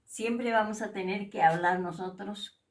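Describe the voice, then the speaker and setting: A woman teaches a language lesson at a very unhurried pace, sounding out each example word and repeating it louder for emphasis. Her voice sits a little back from the microphone. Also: medium pitch. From Peru. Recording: voice a little far from the mic.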